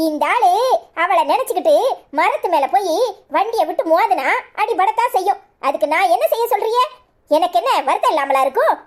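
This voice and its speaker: A woman voicing a defiant, sharp-tongued young wife in a cartoon, with a Tirunelveli Tamil accent and quick mocking retorts. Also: very high-pitched.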